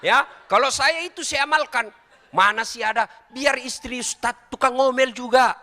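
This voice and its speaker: Middle-aged preacher guy, high bright voice, jokes with the crowd. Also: normal speed, long reverb tail. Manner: jokey, animated, addresses listeners directly. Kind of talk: comedic sermon to a live audience.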